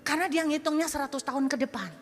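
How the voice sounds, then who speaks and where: A middle-aged woman pastor, preaching and acting out personality types with lively voices. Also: high voice. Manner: animated, acts out temperaments with quick voices and laughs. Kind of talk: sermon. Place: large church hall. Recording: echoey church hall with soft music.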